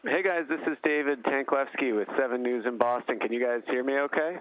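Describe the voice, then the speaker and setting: A man working as a news reporter, asking informal, halting interview questions over a phone line. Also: mid-range voice, slight background noise. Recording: tinny, dry phone line.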